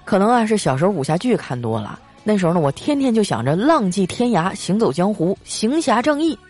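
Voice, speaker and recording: In a mid-range, slightly rough voice, a young woman tells comic stories in a monologue with a sponsored segment. Her delivery is playful and energetic, full of drawn-out particles, over faint background music.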